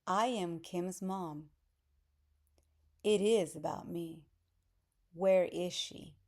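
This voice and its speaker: A woman reading the lines of a worried mother who presses for answers, in a slow storybook reading. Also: lowish voice. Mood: pressing. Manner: pleading, pressing. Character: worried anxious mother searching for daughter.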